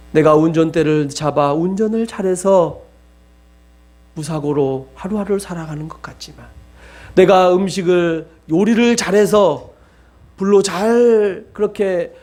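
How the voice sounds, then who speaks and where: A man with a high voice delivers a sermon, rising to loud pleading and dropping to near-whispers. A faint mains hum runs underneath. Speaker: preacher.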